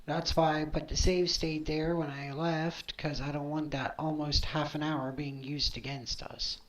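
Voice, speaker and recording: Low-pitched woman talking on a headset mic. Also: flat delivery, unhurried. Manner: exasperated, insistent, repeats points. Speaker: video creator and streamer, host. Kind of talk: casual livestream chat.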